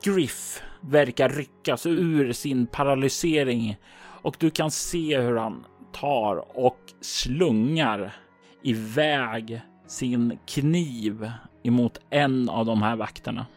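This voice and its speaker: Male game master; measured, descriptive narration at a mid pitch, with soft music in the background.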